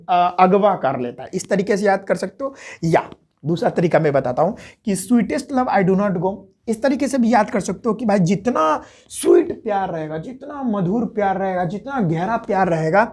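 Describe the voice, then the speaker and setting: A man teaching memory tricks for exam chapters, speaking softly because others are asleep. He asks each question and then answers it himself. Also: high-pitched. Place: room at home at night.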